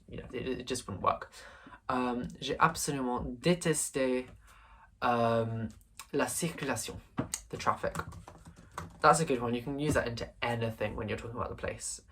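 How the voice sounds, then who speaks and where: A man's voice: medium pitch, pushed and bright, husky. A young man tutoring through an exam paper, thinking aloud with frequent hesitations and fillers. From England. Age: late teens. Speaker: language tutor. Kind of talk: screen-recorded exam walkthrough.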